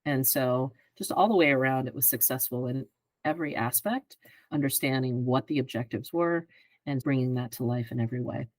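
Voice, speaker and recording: A woman in her fifties, a guest on a podcast, explaining her work in a measured way and often checking in with "right?". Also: very deep voice, no room sound, low-quality recording. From greater Philadelphia area. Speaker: advertising executive guest. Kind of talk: podcast interview answers.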